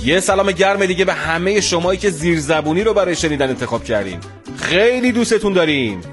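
A man's voice: sits high, animated, music in the background. A man hosting a comic radio show, friendly and mock-stern with his co-host, in a radio studio.

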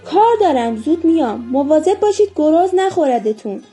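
A woman's voice: sits high, very animated, mellow, faint music behind, voice pushed up. A woman voicing a bossy male ambulance driver in a storybook reading who barks orders and scolds. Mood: firm.

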